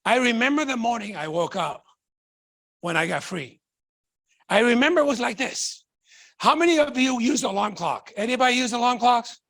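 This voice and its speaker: A man from Tonga with a striking high, gravelly voice delivers a fervent motivational talk. His bright, edgy tone carries enthusiasm as he keeps asking the audience questions. The sound is close and dry. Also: animated, moderate pace, dry recording. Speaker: motivational speaker.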